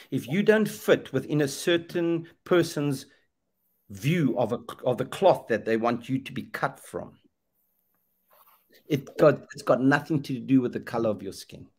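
A medium-pitched male voice with a breathy edge belongs to a middle-aged Zambian man preaching with passion. He's speaking on a webcam video call in an indoor room, emphasizing like a preacher through repeated phrases and rhetorical questions.

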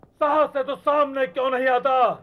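A man playing a proud demon king in a mythological TV drama, bellowing in theatrical, drawn-out cries. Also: very high voice, flat delivery, narrow, tinny audio. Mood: defiant fury. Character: Ravana, proud raging demon king, grieving father. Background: background music.

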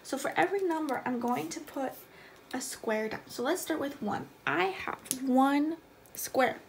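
Young lady teacher talking to little kids like a kids show host, slow n simple, kinda high voice. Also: animated. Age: 20s. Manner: addresses children in simple, encouraging questions, like a kids show host. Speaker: elementary math teacher. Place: small room at home, indoors. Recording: clear background noise, room ambience.

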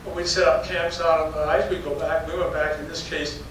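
Speaking a little fast with a flat delivery, an older geology professor's slightly high, fairly bright voice carries his folksy, anecdotal slide talk to an audience in a darkened lecture hall. He chuckles between stories during this public lecture. A distant mic records the very echoey hall, with faint noise.

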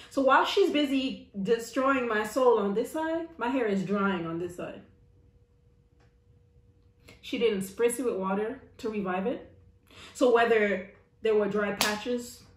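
A woman vlogger telling a comedic storytime in an animated, exaggerated, self-mocking way. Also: a little high, reverberant.

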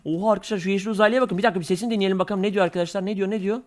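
A young man hosting excited gameplay commentary, rapid and excitable, constantly addressing viewers. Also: sits high. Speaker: channel host.

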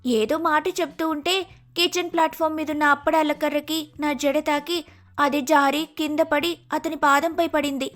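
A man voicing a fussy, dramatic young wife in a shrill falsetto, fretting and scolding. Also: level tone, moderate pace, a bit bright, soft background music. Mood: indignant.

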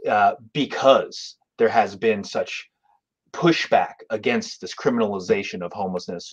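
Brief: male advocacy guest, lowish voice, earnest and halting, heard through dull lo-fi audio. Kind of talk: interview answer.

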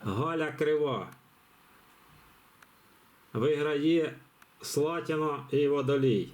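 A man's voice: fairly high pitch, slow pace, a little mellow. Chatty man hosting a giveaway. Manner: rambling, chatty, many fillers and restarts. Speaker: channel host running a giveaway. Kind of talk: casual live commentary.

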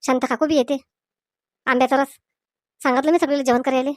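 A bossy middle-aged mother-in-law who hurries and scolds, as a woman acts her out. Her pitch sits high, and the sound is dry and close. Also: steady tone, quick pace, a little mellow, dry recording, natural voice. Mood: scolding.

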